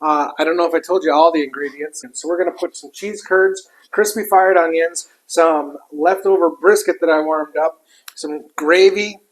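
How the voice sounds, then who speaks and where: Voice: medium pitch, fairly even intonation, normal speed, low-quality recording. A cook giving a casual, chatty cooking demonstration while working a griddle, with food sizzling and utensils clinking behind.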